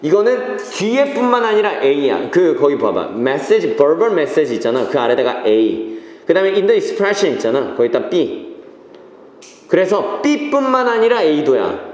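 A man's voice: on the high side, darkish tone. A man teaching an English reading class, checking in with students and repeating key phrases. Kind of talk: classroom lecture. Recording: echoey classroom reverb.

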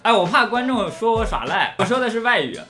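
A man's voice: sits high, soft background music. A young man chatting casually and playfully, bantering with a friend during a challenge video. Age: young adult. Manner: animated, bantering, quick to laugh. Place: small furnished room, indoors.

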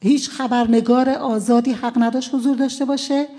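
Mellow-voiced woman lawyer recounting a trial. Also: fairly high pitch, fairly even intonation. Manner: conversational, frequent hesitant fillers. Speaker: defense lawyer. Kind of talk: recounting courtroom events at a press conference.

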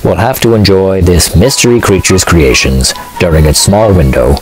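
A man narrating a mock nature documentary in a solemn, deadpan documentary manner, with a husky voice. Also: low voice, normal speed, soft background music, poor audio.

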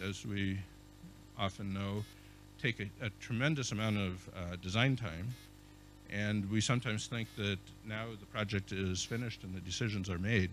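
Low-voiced man giving a keynote. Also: fairly bright tone, slight background noise. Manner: measured, with frequent fillers and restarts. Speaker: keynote speaker, architecture professor. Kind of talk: conference keynote talk. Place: conference hall.

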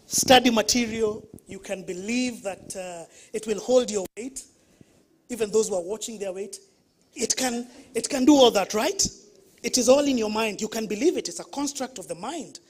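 A woman pastor with a Kenyan accent preaches from the front of a church. She mixes stories with questions to the congregation and keeps her delivery lively. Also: a little high, moderate pace, husky. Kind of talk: sermon.

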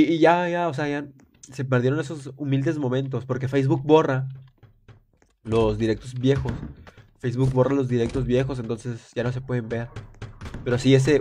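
A man's voice: medium pitch, moderate pace, slight background noise. Young man streaming with a cold. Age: young adult. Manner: rambling, excitable, talks to viewers while playing. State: congested with a cold. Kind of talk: live gameplay commentary reading chat.

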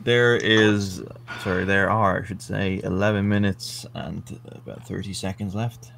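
A man's voice: low-pitched, fairly even intonation, measured pace, vocal fry, fairly bright tone, slight background noise. A man giving casual race commentary, self-mocking and swearing as he tells stories.

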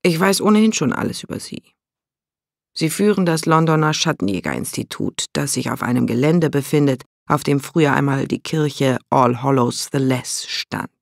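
Man doing a prying gentleman schemer, gravelly voice, insinuating questions, audiobook. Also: mid-range voice, animated, moderate pace, no echo, studio quality.

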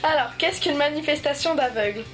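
Very high-voiced woman telling jokes. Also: fairly quick, over music. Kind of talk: casual joke telling.

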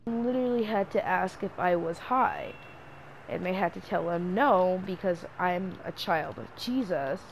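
A woman's voice: fairly low pitch, unhurried, slight background noise. A woman hosting a gaming channel, giving goofy, playful let's-play commentary and talking to herself as she plays. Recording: game sounds loud behind the voice. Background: video game sounds and vehicles.

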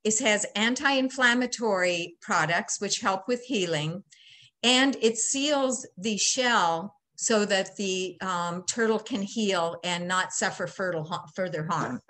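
A woman's voice: medium pitch, takes it slowly, fairly bright tone. A woman in her sixties, a beekeeper giving a webinar presentation over a video call from home, chatty and folksy, with many ums. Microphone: laptop webcam mic on a video call.

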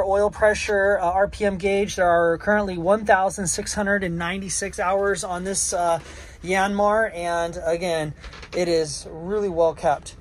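A middle-aged yacht broker with a high-sitting voice gives a relaxed first-person tour of a sailboat in a marina, moving across the deck and below while listing features with plenty of "uh"s. It was filmed on a handheld camera, with a faint hiss or hum.

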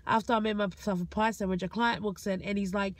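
A young adult woman, vlogging in a parked car, telling anecdotes in a casual, animated way and acting out quotes. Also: mid-range voice, fast, no room sound. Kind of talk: casual vlog storytelling. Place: inside a parked car at night. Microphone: phone at arm's length.

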